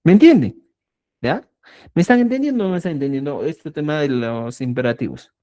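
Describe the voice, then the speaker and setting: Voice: medium pitch, animated, brisk, warm tone. A language teacher giving an online lesson, explaining with everyday examples and checking often that the class is following. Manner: keeps checking understanding with "¿ya?". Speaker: Quechua teacher.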